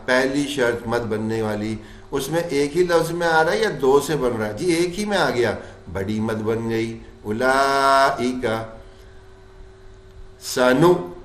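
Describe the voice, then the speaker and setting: A man teaching a tajweed class, explaining the rules and then stretching words out slowly in chanted recitation, asking questions and answering them himself. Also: mid-range voice. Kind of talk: tajweed lesson with recited examples. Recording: roomy echo.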